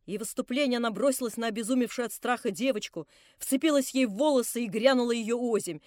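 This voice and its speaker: High-voiced woman reading a classic novel. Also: dry recording, studio quality. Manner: measured, dramatic, quieter in narration. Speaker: audiobook reader.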